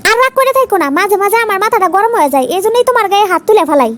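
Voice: expressive, racing, a bit bright. A performer voicing a hot-tempered young husband in a cartoon, curt and bossy. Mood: coaxing. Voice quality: high squeaky cartoon pitch. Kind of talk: cartoon voice acting.

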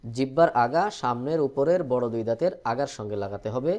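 A man leads a recorded Quran lesson. He explains each letter calmly, with the patience of a teacher, and stretches out the drilled sounds in a steady, mid-range voice. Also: medium pitch, a little fast, lo-fi sound.

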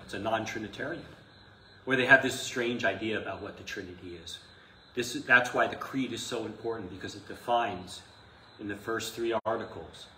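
A middle-aged Orthodox priest teaches an informal live class in a small indoor classroom, speaking in a pushed, bright, mid-range voice. He is conversational and emphatic, throwing in rhetorical questions and asides. The mic sits at a distance, so the room echoes and there's some noise.

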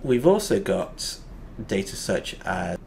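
Guy with a lower voice walking through a whiteboard lesson, lots of ums, slight hiss behind. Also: very animated, slow, creaky, a little mellow. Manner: explaining step by step with many fillers. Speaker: teacher.

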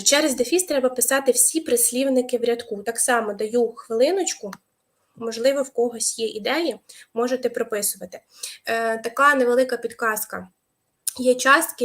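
A young woman with a fairly high-pitched voice leads a live online exam-prep lesson. She explains patiently, uses hesitant fillers, and pauses to wait for viewers to answer.

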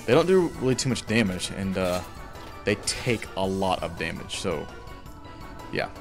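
A young man streaming a video game, chatting casually and saying "man" and "like" a lot. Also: lowish voice. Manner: laid-back, chatty, says "man" and "like" a lot. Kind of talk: casual gameplay commentary. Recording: faint game music behind.

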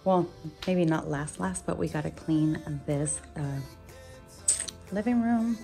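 Young female vlogger, low-pitched, rambling casual narration over soft music. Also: expressive, slow, vocal fry. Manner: chatty, rambling asides to viewers. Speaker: cleaning vlogger. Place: home living room.

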